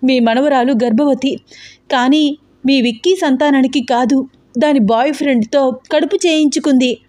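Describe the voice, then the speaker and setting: Woman narrator doing scheming middle-aged wife, wailing, accusing, high-pitched, storybook drama. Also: moderate pace, darkish tone, close to an everyday voice. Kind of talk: storybook acting.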